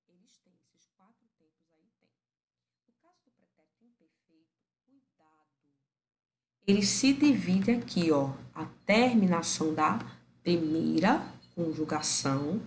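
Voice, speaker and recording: Brazilian lady teacher going over verbs, lowish voice, calls everyone my love, roomy echo and faint hum. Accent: Brazilian Portuguese. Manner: affectionate, addresses viewers as "meu amor"; stretches out example words slowly to show stress. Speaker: Portuguese teacher. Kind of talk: grammar lesson.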